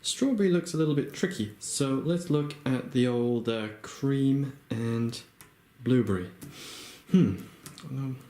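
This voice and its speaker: A crafting vlogger talks through a felt project while sitting at a table in a room of his home, chatty, hesitant and full of ums and uhs. He has a warm, mid-range voice and speaks slowly in an echoey room. His first language is not Japanese.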